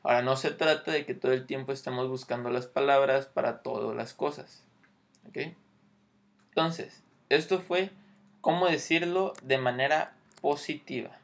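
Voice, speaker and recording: A man's voice: medium pitch, moderate pace, creaky. A man teaching English grammar, explaining patiently and checking in often.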